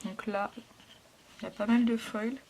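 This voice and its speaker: A woman hosting a casual scrapbooking haul, talking softly and hesitantly with frequent fillers. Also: medium pitch, fairly even intonation, moderate pace, vocal fry, noisy background. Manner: soft, hesitant, lots of fillers. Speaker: scrapbooking vlogger. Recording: packaging crinkles and clicks behind.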